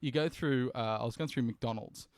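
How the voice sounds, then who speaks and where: A man's voice: medium pitch, moderate pace, a little mellow, dry recording. An Australian man telling a funny story in casual podcast chat, joking and laughing as he talks. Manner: jokey, laughing, chatty storyteller.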